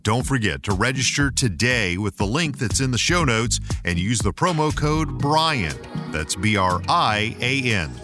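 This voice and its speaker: A man's voice: mid-range voice, expressive, unhurried. A man, a podcast producer, reading a scripted promotional announcement in a friendly, direct way. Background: music bed.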